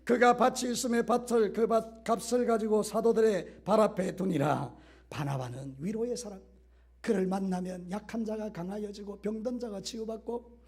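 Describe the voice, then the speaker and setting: A middle-aged male pastor preaching a sermon, swinging from loud exhortation to soft asides. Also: high voice, slightly rough. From Korea.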